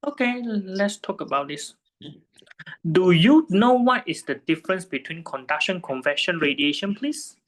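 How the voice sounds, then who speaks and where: A man's voice: high voice, very animated, normal speed, fairly bright tone. Patient male physics tutor checking answers. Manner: patient, checks understanding with frequent tag questions. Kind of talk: one-on-one tutoring lesson.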